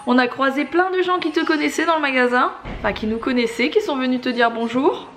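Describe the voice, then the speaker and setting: A woman vlogger chats to her viewers in a loose, rambling way, with plenty of fillers. Her voice is a touch high, and faint background noise runs under it. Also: a little fast, a bit bright. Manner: chatty, rambling, with many fillers. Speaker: family vlogger and mother. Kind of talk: casual vlog chat.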